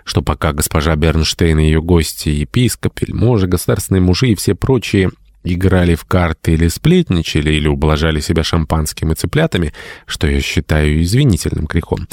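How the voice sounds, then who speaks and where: A man reading a classic novel aloud as an audiobook narrator, in a measured storytelling manner. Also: very deep voice, expressive, a little mellow, dry recording, clean studio sound. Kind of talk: scripted narration.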